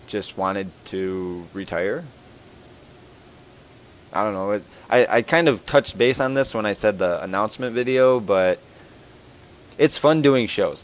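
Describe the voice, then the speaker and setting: Low-voiced rambling young man podcaster. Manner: rambling, joking, lots of fillers and restarts. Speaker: podcast host. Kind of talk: casual podcast chat answering listener questions.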